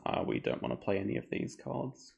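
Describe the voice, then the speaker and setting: Guy live-streaming board games, kinda deep, lots of vocal fry, just chatting through his moves. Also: a little fast, highs cut off. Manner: thinking aloud, relaxed and chatty. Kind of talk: casual live game commentary.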